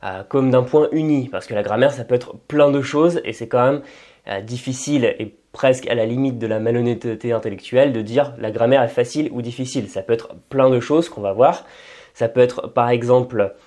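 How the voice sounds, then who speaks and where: A man's voice: medium pitch, darkish tone. A man hosting a language-learning channel, explaining casually and thinking aloud with many hesitations and restarts. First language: French. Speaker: language-learning video host. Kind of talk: informal explanatory talk.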